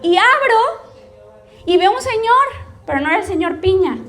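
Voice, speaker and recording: Mexican woman pastor, high voice, personal testimony over music, chatty storyteller. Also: lively intonation, normal speed, fairly bright tone. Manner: storytelling, addresses the audience directly with frequent "¿ok?".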